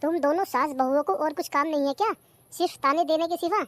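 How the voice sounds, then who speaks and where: A performer voicing an idle, demanding young husband in a cartoon comedy. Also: male voice, very high-pitched, fast talker, heavy background noise. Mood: exasperated.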